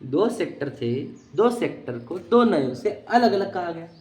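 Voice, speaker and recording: Male lecturer, a touch high-pitched, explaining doctrine and checking that the class follows, in a roomy hall. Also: very animated, a little slow, a little mellow. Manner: keeps checking that listeners follow. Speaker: teacher of Jain philosophy. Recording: echoey room.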